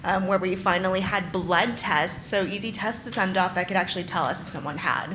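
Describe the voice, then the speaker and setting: Addressing patients on a live panel before an audience, this female neurologist talks a little fast in a lowish, fairly bright voice. She's thoughtful and hesitant, dropping plenty of ums, while faint music plays behind her on a poor recording.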